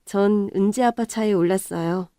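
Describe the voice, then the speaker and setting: A woman narrating a first-person life story in a plain, gentle manner. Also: medium pitch, normal speed, clean tone, no room sound, studio quality.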